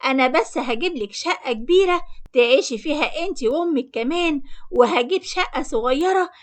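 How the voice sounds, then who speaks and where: A woman's voice: sits high, lively intonation, a little fast. A woman voicing a smitten married suitor. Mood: pleading. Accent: Egyptian Arabic. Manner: pleading, persuasive. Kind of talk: storybook narration acting.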